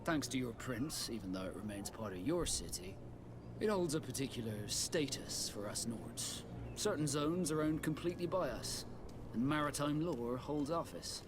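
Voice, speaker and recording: An actor playing a proud, dignified seafaring guild captain in a video game, speaking in a measured way. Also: male voice, mid-range voice, animated, noisy background, close to an everyday voice. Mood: measured, informative. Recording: music behind the dialogue.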